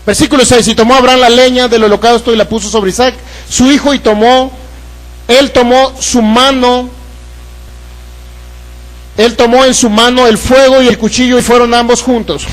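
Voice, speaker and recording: Captured on a low-quality recording, this male pastor has a Mexican Spanish accent and a very high-pitched, steady voice at normal speed with long pauses. He questions the congregation during his sermon and performs the voices of figures in a Bible story.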